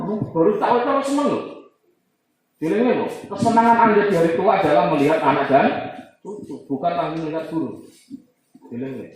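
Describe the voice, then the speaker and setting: A man with a Javanese accent giving a casual religious lecture as an Islamic teacher, lively and mixing in Javanese asides. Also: a little high, creaky, slight background noise. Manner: lively, mixes Javanese asides, imitates voices. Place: large room at a boarding school. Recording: echoey distant hall, dull sound.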